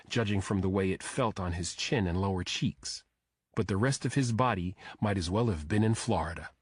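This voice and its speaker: Husky-voiced male thriller narrator. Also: lowish voice, no echo, studio quality. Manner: steady, measured storytelling. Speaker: audiobook narrator.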